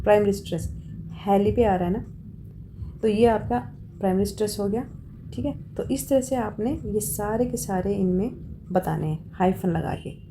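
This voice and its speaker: A woman walks students through exam questions at an unhurried pace. Her voice is mellow and warm. She mixes Hindi explanations with English read-outs, and a faint hiss sits behind her. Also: medium pitch. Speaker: exam tutor. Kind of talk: informal exam-prep lesson.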